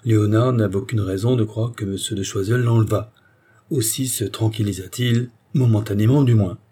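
Guy reading an audiobook, low dark voice, slow and steady. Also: slightly rough. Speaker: audiobook reader. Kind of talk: audiobook narration.

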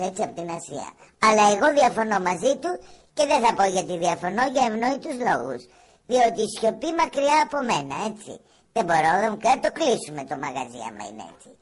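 A woman radio host with a Greek accent, giving playful, theatrical commentary in a teasing, mock-judging manner. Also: medium pitch. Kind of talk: casual on-air commentary.

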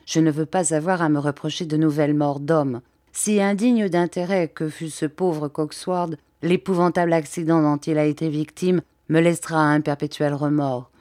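A woman reading an audiobook, voicing a grave, composed English scientist who speaks in a measured, formal way. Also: lowish voice, mellow, no room sound, close to an everyday voice. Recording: dry close audiobook recording.

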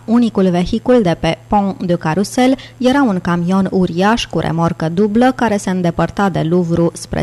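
A woman narrates a thriller audiobook with a fairly low voice. Her reading is steady and dramatic, and it holds an even pace through the action. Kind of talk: scripted narration.

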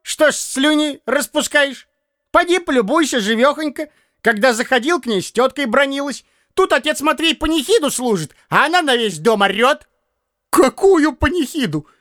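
Reading an audiobook, a man puts on an extremely high, bright voice well above his own to play a fussy, blundering old man who stammers, corrects himself, and cackles. The intonation is lively, the speed normal, and the studio recording clean, with no room sound.

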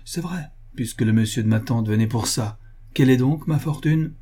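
A man's voice: mid-range voice, moderate pace, mellow, slightly rough, natural voice. A man reading the part of a young, proud noble heiress who speaks in a cold, decisive, commanding manner. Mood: wistful.

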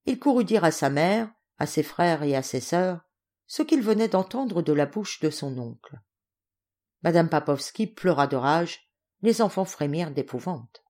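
A woman narrating a classic novel as an audiobook, in clear, measured storytelling. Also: sits low, expressive, darkish tone. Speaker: audiobook reader.

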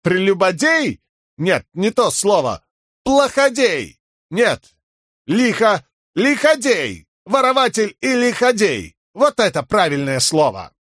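A man reading an audiobook, voicing a young woman who shouts in mangled, broken phrases while faking a foreign accent. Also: big pitch swings, very slow, few pauses, dry recording, clean studio sound, heavily acted. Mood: accusing. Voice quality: broken grammar, shrill shouting.

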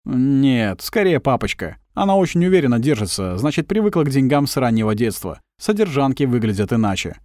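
A man's voice: mid-range voice, very animated, fairly quick, hardly any pauses, darkish tone, no echo, natural voice. A man voicing a confident, wry adult male agent who teases his partner in a dry way. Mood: confident teasing. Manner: dry teasing, self-assured.

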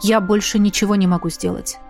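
A woman voicing a calm, commanding man who talks in a low, hushed, coaxing way. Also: a little fast, vocal fry, faint music behind, natural voice.

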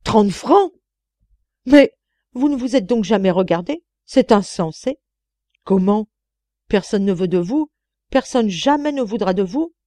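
A woman's voice: medium pitch, sing-song, moderate pace, dark tone, no room sound, studio quality, natural voice. A woman reading an audiobook voices a cruel, scornful old woman who is hiring a maid, speaking in an imperious, cutting manner. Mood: outraged.

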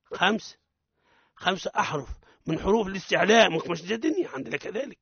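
Bright-voiced man with a Tunisian accent. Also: sits high, expressive, breathy edge, dry recording. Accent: Tunisian Arabic. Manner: corrective and instructive, drawing out example words slowly. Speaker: Quran recitation teacher. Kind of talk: radio recitation lesson. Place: radio studio. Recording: dull lo-fi radio broadcast.

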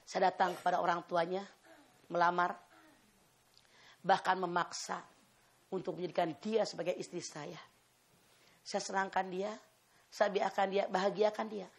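A woman's voice: on the low side, level tone, moderate pace, pauses often, husky. A woman voicing a young male student who earnestly explains his choice in a sermon story. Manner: earnest, pleading.

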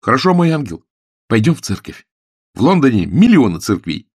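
Male reader playing an impulsive young suitor, eager and insistent, husky and very animated. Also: mid-range voice, fairly quick, no room sound, clean studio sound, voice pushed up. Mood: cheerful. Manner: eager, insistent, repeats himself. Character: ardent, impulsive young man in love.

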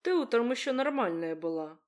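A woman voicing a gruff, protective young man in an audiobook, speaking in curt, growling demands. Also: fairly high pitch, very animated, brisk. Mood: demanding. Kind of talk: audiobook character voice.

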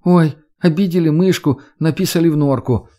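A man's voice: on the high side, brisk, mellow, voice pushed up, close to an everyday voice. A man voicing a sly, teasing young redheaded woman who swears and mocks in an audiobook. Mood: mocking.

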